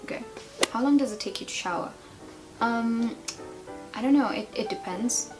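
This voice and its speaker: A woman's voice: on the high side, moderate pace, over music. A woman in her twenties chatting casually in a tag video, rambling and playful as she answers questions. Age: 20s. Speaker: beauty and lifestyle vlogger.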